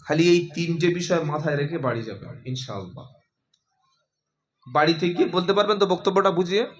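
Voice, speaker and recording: A man preaching a sermon to a crowd, lively and calling on listeners to answer back. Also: on the high side, a little fast, poor audio. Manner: lively, addressing the crowd and asking them to respond.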